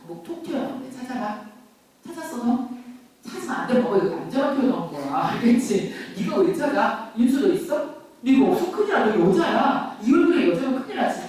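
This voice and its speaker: A middle-aged woman teaching grammar to a classroom, lively, quizzing and teasing her students. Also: high voice, a little hiss or hum. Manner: lively, questions and teases students. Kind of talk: classroom lecture. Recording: very echoey classroom from far off.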